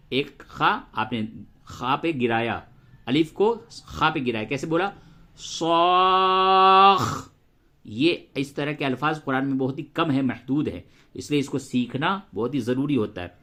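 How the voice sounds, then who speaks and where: A man teaching Quran reading and tajweed, explaining letter sounds and drawing verses out slowly as he recites them. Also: medium pitch, expressive, fairly bright tone. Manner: slow drawn-out recitation of verses between brisk explanations; addresses listeners as brother, repeats sounds for drilling.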